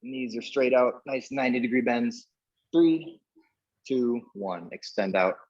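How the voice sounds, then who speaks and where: A man's voice: medium pitch, a little slow, darkish tone, muffled recording. A man coaching a live workout in an echoey indoor room, giving short cues and counting reps as he exercises along. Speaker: fitness coach leading a workout class.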